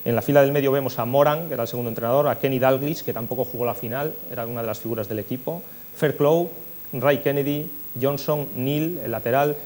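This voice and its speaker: A man with a Spanish accent from Spain hosts a football history show, chatting his way through results and match action. His mid-range voice is fast and has a darkish tone. The recording is noisy, with an electrical hum.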